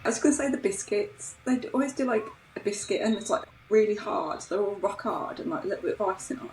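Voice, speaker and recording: A woman's voice: medium pitch, animated, fast talker, a little mellow. A woman chatting casually with fillers, sounding distant. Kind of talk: casual chat. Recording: echoey, distant, faint noise.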